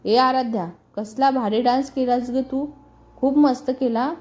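A woman reading a serialized family story aloud, voicing all the characters' lines in her own lively storytelling voice. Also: high voice, measured pace. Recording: muffled voice over background music.

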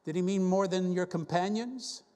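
A man's voice: high voice, normal speed, warm tone, in a large hall. A man preaching a sermon as a guest preacher, earnest and full of rhetorical questions as he quotes scripture. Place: church sanctuary.

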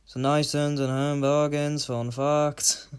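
A man giving casual vlog commentary outdoors, talking quietly and awkwardly with a self-deprecating manner. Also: a little high, level tone, measured pace, clear, resonant tone, no echo, studio quality. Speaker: vlogger. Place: outdoors in wind on open grassy shoreline and streets. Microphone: handheld phone. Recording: windy outdoor phone recording, heavy noise. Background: loud wind noise.

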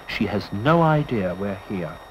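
A man narrating a nature documentary from a script, telling the expedition in measured, literary first-person style. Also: on the low side, lively intonation. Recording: dull lo-fi old film soundtrack with hiss.

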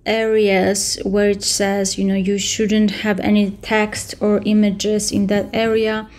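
A woman in her thirties sits at her computer indoors presenting a casual screen-share software tutorial, explaining step by step with frequent fillers. She speaks slowly in a mid-range, monotone voice.

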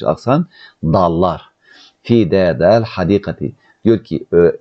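Low-voiced man teaching grammar. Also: dark tone. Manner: explains step by step, asks and answers his own questions; slows right down when reading out model translations. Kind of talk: recorded online grammar lesson. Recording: dull, muffled audio.

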